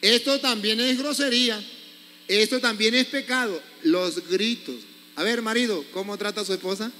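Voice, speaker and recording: A man's voice: sits high, normal speed, sharp tone, in a large hall, a little hiss or hum. A priest preaching a sermon, scolding his congregation with pointed rhetorical questions.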